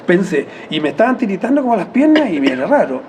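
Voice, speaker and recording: Mellow Chilean man musing at length. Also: high voice, sing-song, fast talker, slight background noise. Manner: rambling, self-correcting, with soft chuckles. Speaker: interviewee. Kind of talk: reflective conversational explanation.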